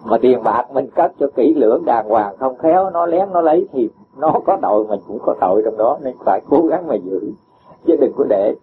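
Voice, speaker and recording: A man's voice: mid-range voice, lively intonation, moderate pace. A man giving a patient Buddhist dharma talk, explaining with homely examples and chuckling often. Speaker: Buddhist teacher. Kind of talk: dharma talk answering a disciple. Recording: dull lo-fi recording with faint hiss.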